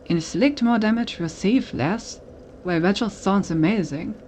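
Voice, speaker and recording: A woman's voice: medium pitch, measured pace, darkish tone, slight background noise. A woman game streamer giving casual gameplay commentary, thinking aloud as she goes. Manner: thinks aloud, reads on-screen text.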